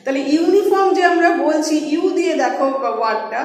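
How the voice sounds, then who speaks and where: A woman teacher with a high voice gives a patient classroom lesson, spelling each word letter by letter. The room is very echoey, with a long reverb trailing after her. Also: lively intonation, brisk.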